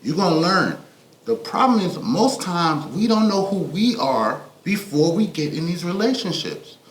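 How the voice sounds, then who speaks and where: This podcast co-host has a high, sing-song voice and speaks at a measured pace. He chats casually, laid-back and reflective, letting his thoughts wander. Faint background noise and room echo are audible.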